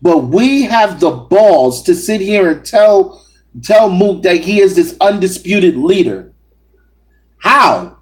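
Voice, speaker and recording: A man with a high, very animated voice speaks slowly, delivering assertive, argumentative commentary on battle rap straight to his viewers. It's opinionated solo talk, and the recording quality is low.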